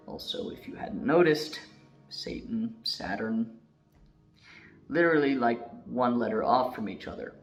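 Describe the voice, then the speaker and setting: A man narrating a video in a casual scripted style, chatty, with joking asides, and a voice that is going a little hoarse. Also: mid-range voice. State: losing his voice. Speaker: YouTube narrator.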